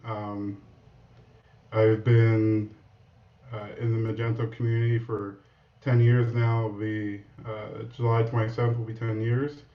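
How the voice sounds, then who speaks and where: A hesitant male guest with a low, flat voice, pausing often and filling gaps as he answers. He sounds set back from the mic in a roomy space, and the audio is dull and muffled. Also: distant mic. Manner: hesitant, many fillers. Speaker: guest developer. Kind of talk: casual interview answers.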